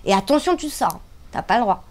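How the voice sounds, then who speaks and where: Speaking fairly quickly, a Frenchwoman talks in a casual interview, animated and emphatic, with her voice swinging high and low as she makes her points.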